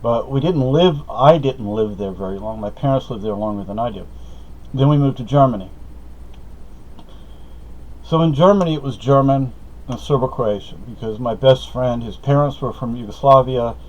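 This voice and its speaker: A middle-aged Spanish man, a native speaker and vlogger, rambles through a personal story full of fillers and self-corrections. His voice sits at medium pitch and moves at a moderate pace. The lo-fi audio sounds slightly dull.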